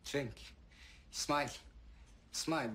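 An actor playing an anxious sailor who keeps begging his crewmates to calm down. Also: on the high side, takes it slowly. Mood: pleading. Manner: pleading, urging calm, bursts of shouting. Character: anxious peacemaking sailor, pleading then yelling. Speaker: crewmate trying to keep peace.

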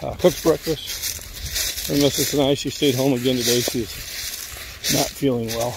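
Older guy chatting on a hike, gravelly voice, phone mic, rustly outdoor noise. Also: mid-range voice, measured pace. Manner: rambling, relaxed, thinking aloud while hiking. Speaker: vlogger. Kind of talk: casual walking vlog. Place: outdoors in woods. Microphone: phone held at arm's length while walking. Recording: outdoor noise from walking through woods.

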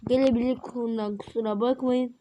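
Gaming host, woman, a little sick with a rough voice, mellow tone, chatty and self-conscious. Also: a little high, fairly even intonation, brisk, slight background noise. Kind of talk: casual game commentary.

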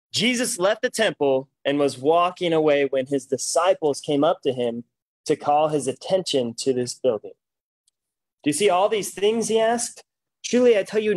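A man's voice: on the high side, no echo. A man preaching a sermon at a pulpit microphone, reading scripture aloud and breaking in with emphatic remarks. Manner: reads scripture aloud, then comments with emphatic exclamations.

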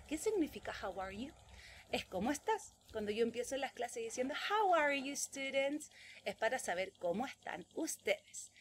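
A woman teacher, giving a virtual English lesson to preschoolers and drawing out the English words slowly and loudly for them to repeat. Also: on the high side, slight background noise. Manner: exaggerated, slow, loud drill words for children to repeat.

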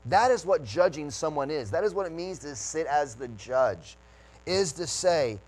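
Earnest preaching man, somewhat high voice. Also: lively intonation, unhurried, a little mellow, low-quality recording. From United States. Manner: earnest, restarts phrases while preaching. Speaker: pastor. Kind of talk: sermon.

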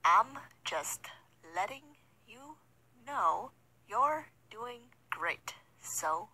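A woman voicing a calm, matter-of-fact female dentist in a cartoon story. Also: a little high, extremely slow, husky, full character voice, low-quality recording. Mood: reassuring.

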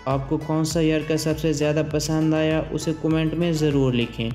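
A man reading a scripted sports countdown voice-over in a steady, formal delivery. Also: fairly high pitch, normal speed. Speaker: channel narrator. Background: faint background music.

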